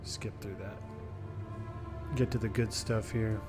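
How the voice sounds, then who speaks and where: Casual male game streamer over loud music. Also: fairly low pitch, fairly even intonation, takes it slowly. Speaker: game livestreamer.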